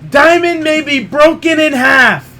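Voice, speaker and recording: A man working as a wrestling commentator, giving excited play-by-play with exclamatory calls. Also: extremely high pitch, unhurried, heavy background noise.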